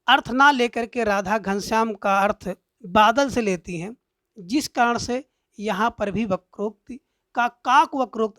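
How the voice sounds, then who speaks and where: Slow, high-voiced woman teaching grammar. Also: a bit bright, no echo, clean studio sound. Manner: slow, deliberate explaining, reciting verse examples. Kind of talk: explaining Hindi grammar lesson.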